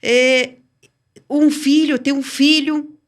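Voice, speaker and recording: Woman sharing her faith testimony on a podcast, kinda high voice, acts out what people said, pitch swoops up and down a lot. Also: slow. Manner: lively storytelling, acting out remembered dialogue; sweeping, swinging pitch as she tells her story. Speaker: podcast guest. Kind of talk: personal religious testimony.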